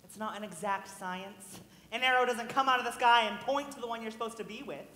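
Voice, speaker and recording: A woman's voice: a little high, brisk, sharp tone. A woman playing a lonely middle-aged male theatre fan, confiding in the audience on a live stage. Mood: rueful. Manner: confiding, wistful storyteller asides. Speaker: stage actor. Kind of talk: live stage musical acting. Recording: reverberant theatre hall.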